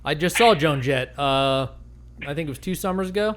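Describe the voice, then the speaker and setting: A middle-aged man hosting a casual podcast interview, chatty and easygoing, tossing in quick affirmations. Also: on the high side. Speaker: podcast host.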